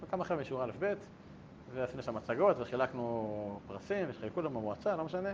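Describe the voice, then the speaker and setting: A man who is a rabbi, giving a Torah lesson in a yeshiva in a lively, conversational way with humorous asides and questions to his students. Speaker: yeshiva rabbi teaching a class. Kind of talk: Torah lesson with a told anecdote. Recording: dull lo-fi recording with faint rumble.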